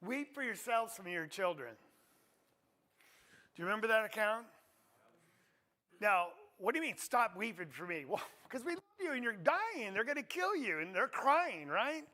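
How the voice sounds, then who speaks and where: A man's voice: high-pitched, sing-song, normal speed, sharp tone. A man teaching a Bible class in a conversational way, often asking his listeners questions. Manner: conversational, asks the audience questions. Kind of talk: interactive Bible class sermon.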